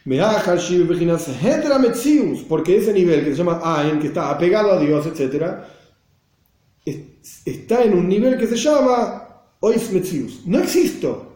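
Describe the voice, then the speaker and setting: Argentine man, teacher, explains hebrew texts in class, high voice, mellow tone, echoey room. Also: lively intonation, moderate pace. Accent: Argentine Spanish. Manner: reads Hebrew phrases then explains them, checks on the students.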